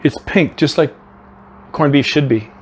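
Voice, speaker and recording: A man's voice: fairly high pitch, measured pace, slight background noise. A middle-aged man hosting his own cooking channel from his home kitchen, chatty and enthusiastic, with lots of fillers and restarts. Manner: talks with mouth full while tasting. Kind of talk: casual cooking vlog.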